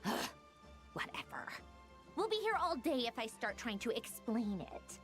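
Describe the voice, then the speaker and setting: A smug young genius inventor in an anime game. She drawls with haughty impatience, swinging widely in pitch, with clear music underneath. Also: big pitch swings, unhurried, fairly bright tone. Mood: smug, impatient. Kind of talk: anime video game voice acting.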